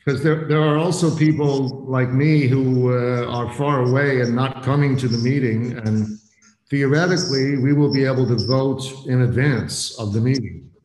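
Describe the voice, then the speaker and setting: A man asks careful questions in a middle-pitched voice. His sound is roomy, with a long echo trailing behind each phrase. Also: fairly even intonation, moderate pace, darkish tone, a little hiss or hum. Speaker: co-op member asking questions. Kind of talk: casual online meeting talk.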